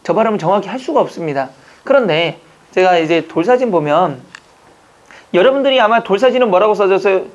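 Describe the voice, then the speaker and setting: A man from Jeju Island teaching an exam-prep language class, chatting, joking and quizzing his students with quick questions. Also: high-pitched, lively intonation. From Jeju Island, Korea. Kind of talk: classroom lecture. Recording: dull lo-fi lecture recording.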